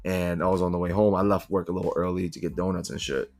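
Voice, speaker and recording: A man's voice: deep voice, steady tone, quick pace, a little mellow, soft background music. A young man from Philadelphia hosting a casual sneaker podcast, telling stories animatedly and swearing freely. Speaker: podcast host. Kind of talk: casual chat.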